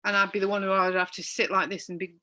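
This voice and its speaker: A middle-aged woman from North East England co-hosts a podcast, her accent drifting toward Yorkshire as she chats casually, teasing, incredulous, and laughing often. Her mid-range voice is sharp and level in tone, and she talks fast.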